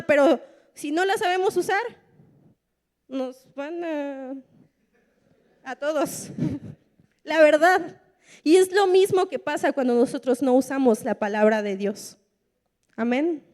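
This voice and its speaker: A woman delivers a sermon in a church. Her voice sits high, and she talks in a lively way, putting on the voices of people making excuses. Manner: animated, acts out excuses of churchgoers in quoted voices. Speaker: preacher. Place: church meeting room.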